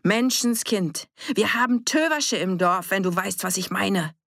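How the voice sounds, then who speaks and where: A reader voicing an agitated, sharp-tongued village woman. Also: mid-range voice, expressive, normal speed, no echo, clean studio sound, voice pushed up, close to an everyday voice. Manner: agitated, pleading, raised voice. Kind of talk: audiobook character voice.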